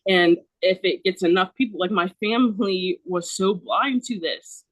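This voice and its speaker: A woman's voice: medium pitch, normal speed, dry recording, rough recording. Emphatic woman in her thirties, swearing freely. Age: 30s. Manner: emphatic, profane, many "like" fillers. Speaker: podcast guest. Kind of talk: casual personal storytelling.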